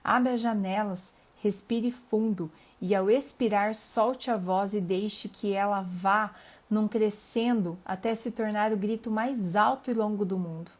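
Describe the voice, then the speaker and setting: A middle-aged woman with a Brazilian accent, hosting a reflective live talk on emotions and reading passages aloud in a calm, earnest way. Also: mid-range voice. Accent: Brazilian Portuguese. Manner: calm and earnest, pausing with fillers, asking the listener questions.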